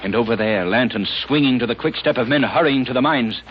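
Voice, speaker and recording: An actor playing a stern, commanding crime-fighting avenger with theatrical, emphatic delivery in a 1930s radio drama. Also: male voice, medium pitch, fairly quick, close to an everyday voice. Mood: urgent, rallying. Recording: scratchy muffled 1930s radio recording.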